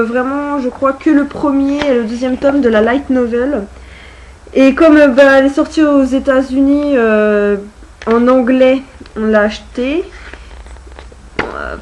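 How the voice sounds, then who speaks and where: Young woman vlogging, kinda high voice, lots of ums, faint hiss in the background. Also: a little mellow, rough recording. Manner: chatty, full of hesitations and fillers. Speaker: book vlogger. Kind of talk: casual chat.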